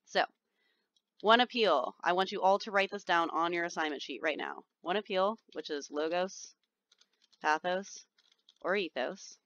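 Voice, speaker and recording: A woman teacher with a whiny, nasal-sounding voice gives recorded classroom instructions over slides; her pitch is fairly low, her tone fairly bright, and she speaks unhurriedly. She is chatty and reassuring, explaining step by step with frequent ums. It was captured as a screen recording on a computer microphone, sounding muffled with no room sound.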